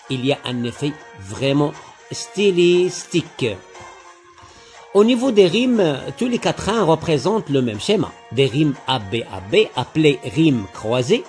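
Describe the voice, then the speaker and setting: A man lectures on poetry in a slow, deliberate way, spelling out syllables one by one. His somewhat high voice rises and falls a great deal. Soft music plays faintly behind him. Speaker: literature teacher. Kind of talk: lecture-style poem analysis.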